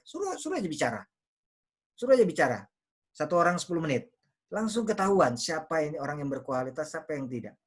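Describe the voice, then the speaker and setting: A man with a husky, somewhat high voice coaches an audience on public speaking. He explains each point patiently and keeps coming back to the same key phrases. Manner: didactic, repeats key phrases, acts out examples. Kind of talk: motivational talk.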